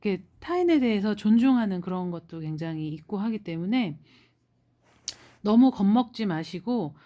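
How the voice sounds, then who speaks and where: A woman's voice: mid-range voice, expressive, moderate pace, dark tone. A woman in her forties from South Korea tells her job-hunting story in a casual vlog, chatty and encouraging, with lots of filler words. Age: 40s. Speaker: immigrant sharing a job-hunt story.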